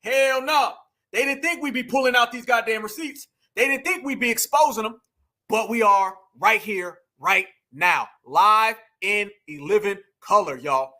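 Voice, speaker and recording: A man's voice: high-pitched, unhurried, pushed and bright. A man delivering emphatic political commentary, preaching to his viewers and calling them family. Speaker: commentary vlogger.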